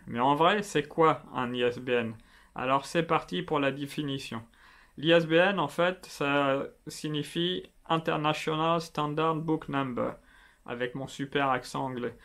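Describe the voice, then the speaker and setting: Homme bavard au ton familier. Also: male voice, fairly high pitch, a bit bright. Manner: chatty, familiar, many fillers like euh and bah. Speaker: self-publishing video host. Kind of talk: casual explainer video.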